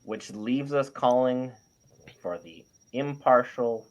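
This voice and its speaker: Speaking slowly at medium pitch, with the high frequencies cut off, this co-host argues about animated series on a panel. His casual takes are forceful and opinionated, laid out as lists of points.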